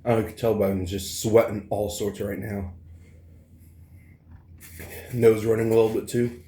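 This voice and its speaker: Lowish-voiced man vlogging in an echoey room. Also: little pitch movement, measured pace, warm tone. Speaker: food challenge vlogger. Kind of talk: casual eating vlog. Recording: roomy, echoing indoor sound.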